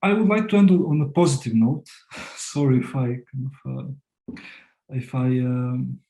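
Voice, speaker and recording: A tired man from Serbia giving an academic presentation, halting with many restarts and fillers, and low on energy. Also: gravelly, mellow, low-quality recording. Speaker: guest speaker.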